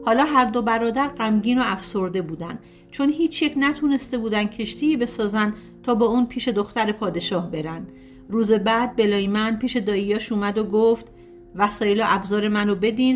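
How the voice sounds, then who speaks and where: A woman narrating a folk tale as an audiobook, in a gentle storytelling cadence that voices the characters' dialogue. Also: a little high. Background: soft guitar music.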